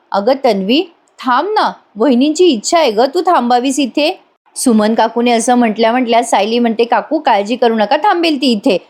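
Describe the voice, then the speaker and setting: A woman's voice: fairly high pitch, a little mellow. A woman giving a voice-over recap of a TV serial episode, briefly voicing each character's lines as she retells the scenes. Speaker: TV serial reviewer.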